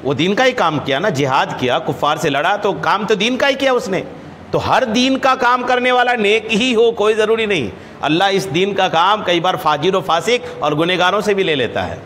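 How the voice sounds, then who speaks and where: A religious scholar and preacher with a high, animated voice gives a hadith lesson sermon, slowly chanting the Arabic text and then explaining it in lively, repetitive speech. He asks rhetorical questions and repeats key phrases, recorded with long hall reverb and faint background noise.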